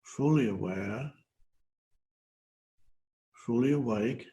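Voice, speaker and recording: An older man giving a guided meditation talk as a spiritual teacher, slow and hesitant, with long pauses between phrases. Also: mid-range voice, warm tone, lo-fi sound.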